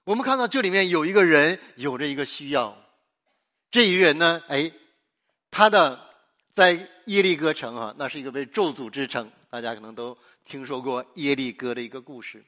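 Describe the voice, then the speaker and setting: A male pastor preaching with a somewhat high, bright and forceful voice. He swings from loud emphasis down to near-hushed lines and keeps putting questions to his listeners. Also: animated, normal speed. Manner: repetitive rhetorical questions to the listeners. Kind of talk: sermon.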